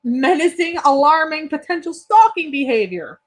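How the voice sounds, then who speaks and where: A young woman telling a story in casual podcast chat, animated and profane, laughing often. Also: high-pitched, normal speed. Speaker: podcast co-host.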